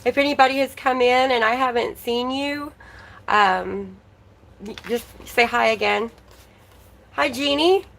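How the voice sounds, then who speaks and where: A chatty woman hosting a relaxed livestream, talking along and greeting viewers by name. Her voice is a little worn, as if she is losing it. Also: on the high side, a little slow, vocal fry, pauses often, poor audio. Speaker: livestream host. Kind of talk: casual livestream chat.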